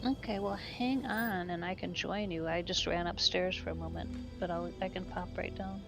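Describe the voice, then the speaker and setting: A woman's voice: on the low side, steady tone, moderate pace, over music. A woman with a Minnesota accent co-hosting a game livestream, cheerfully reading out chat messages. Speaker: stream co-host.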